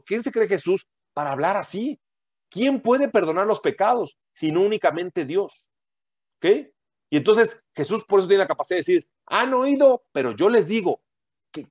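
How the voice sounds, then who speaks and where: A man's voice: fairly high pitch, darkish tone, dry recording, clean studio sound. Emphatic man preaching. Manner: emphatic, rhetorical questions, frequent tag questions. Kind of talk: teaching sermon to a group.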